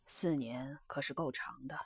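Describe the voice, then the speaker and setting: A woman reading aloud voices a calm, evasive adult man who replies in a quiet, subdued way. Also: extremely low pitch, unhurried, breathy edge, dry recording, clean studio sound, voice pushed down, heavily acted. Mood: mild.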